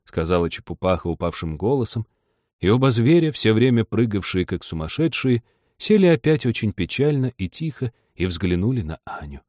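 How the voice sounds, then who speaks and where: Low calm guy reading an audiobook, dead dry studio sound. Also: moderate pace, dry recording. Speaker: narrator. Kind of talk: audiobook narration.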